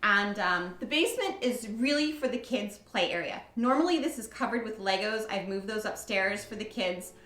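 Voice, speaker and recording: A woman's voice: medium pitch, lively intonation, normal speed, few pauses, fairly bright tone. A woman giving a chatty, upbeat walking tour of her home's basement as a home decor vlogger. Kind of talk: casual home tour narration. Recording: roomy echo with faint music.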